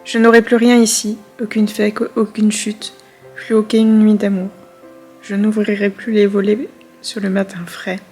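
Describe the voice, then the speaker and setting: A woman's voice: medium pitch, level tone, measured pace, dark tone, slightly rough, soft background music. Woman reading as a grieving old grandmother. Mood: wistful. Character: elderly grieving grandmother recalling her life. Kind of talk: reading a comic aloud.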